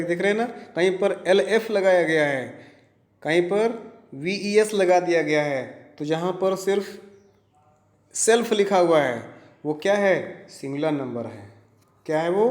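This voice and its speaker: A male teacher with an Indian accent, giving a grammar lesson and drilling word lists by repetition while checking that students follow. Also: high voice. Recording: echoey room.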